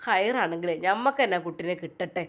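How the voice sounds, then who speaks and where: A woman voicing a pious older mother, speaking gently and reassuringly in a storybook tale. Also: on the low side, brisk, natural voice.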